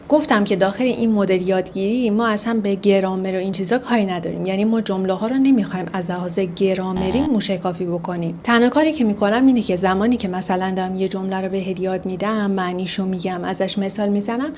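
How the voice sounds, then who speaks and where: A woman's voice: mid-range voice, a little mellow, a little hiss or hum. Persian-speaking woman teaching English phrases. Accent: Iranian. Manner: explains slowly, repeats phrases in English. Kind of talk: language lesson explaining phrases.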